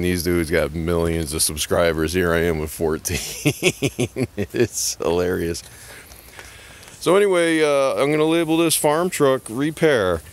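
A middle-aged Connecticut man, a YouTube vlogger who tinkers with trucks, films a casual, rambling vlog in an outdoor gravel yard on a handheld phone while staying off-screen. His voice sits low, and he jokes sarcastically as he hops from topic to topic.

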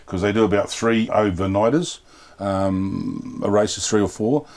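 A man's voice: on the low side, fairly even intonation, a little slow, darkish tone. A New Zealand man in his sixties, a boatbuilder talking casually in a yacht cabin on a lapel mic, plain-spoken and rambling with many fillers. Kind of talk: casual interview.

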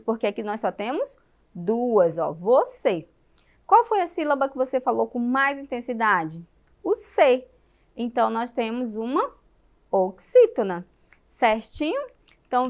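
High-voiced Brazilian woman teaching children. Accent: Brazilian Portuguese. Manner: slow, syllable-by-syllable stressing of words, asks the children questions. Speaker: primary school teacher. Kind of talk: televised classroom lesson.

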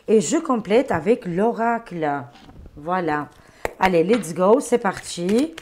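A tarot card reader gives a casual spoken reading for her viewers, chatty and exclamatory, addressing them as her friends. Her voice is warm and medium-pitched, with slight background noise.

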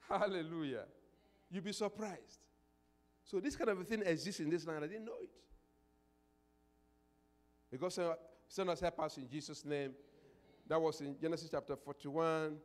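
An older man preaches at a normal pace in a fairly high voice, leaving long pauses. As pastor, he stands on an indoor church stage with a handheld mic, emphatic and repetitive, calling out questions for response and rising into declarations of prayer, with the hall's reverb ringing around him.

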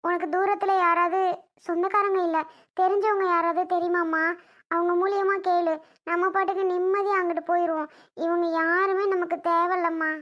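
Protective young daughter in a family skit, high, insistent and pleading, played by a woman. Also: little pitch movement, moderate pace, fairly bright tone. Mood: urging.

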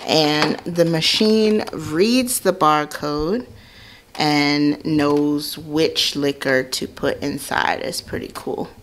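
Low-voiced woman giving an enthusiastic home tour. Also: takes it slowly, slight background noise. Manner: enthusiastic, gushing, frequent ums. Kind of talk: casual home tour narration. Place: furnished home basement.

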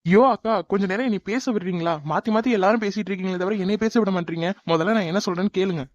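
A man's voice: high-pitched, racing, no echo, lo-fi sound, lightly acted. A man voicing a flustered young man in a cartoon, defensive and explaining in a hurry. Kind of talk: animated cartoon dub.

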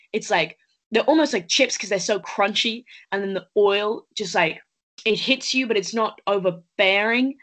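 A woman's voice: mid-range voice, a bit bright, poor audio. A young woman in her late teens from Australia, an actress talking earnestly in a casual interview over a video call from home, thoughtful and chatty with plenty of fillers. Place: indoors at home. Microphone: laptop webcam on a video call.

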